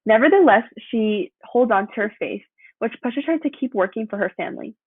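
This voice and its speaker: A young woman reads a student presentation from a script at a steady pace, now and then tripping on a word and fixing it. Her voice sounds thin and phone-like. The recording is dry, with no room echo. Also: a little high, fairly quick, slightly rough. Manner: steady read-through with occasional slips and self-corrections. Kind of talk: reading a prepared presentation.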